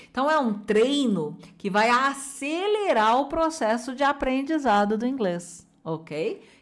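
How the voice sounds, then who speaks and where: A woman with a Brazilian Portuguese accent teaches an online English lesson in a fairly high voice. She drills phrases and coaxes viewers to repeat them aloud.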